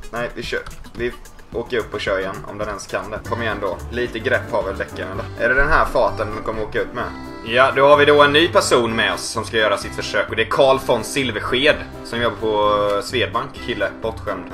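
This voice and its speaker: A young man giving joking, excitable commentary over a video game. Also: fairly low pitch. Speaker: gaming YouTuber.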